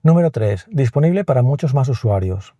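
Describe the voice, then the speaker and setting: A man's voice: medium pitch, expressive, warm tone, dry recording, lo-fi sound. A man with a Spain Spanish accent presenting a tech review and explaining things plainly. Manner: explains quickly and plainly, chats with the assistant. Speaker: tech video host.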